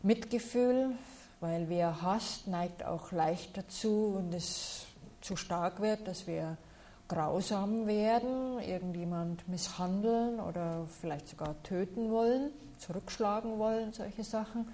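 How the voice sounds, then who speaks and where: A woman working as a meditation teacher, calmly and patiently answering questions from listeners during a talk. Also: medium pitch, slow pace.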